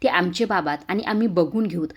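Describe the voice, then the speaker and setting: A woman's voice: lowish voice, fairly quick. A woman reading the lines of an angry young man who accuses and demands answers, in a retold serial scene.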